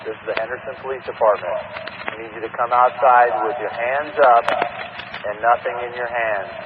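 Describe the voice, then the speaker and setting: A male police officer calling out slow, repeated commands through a megaphone outdoors at an apartment complex. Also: mid-range voice. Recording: dull scanner audio with loud outdoor noise.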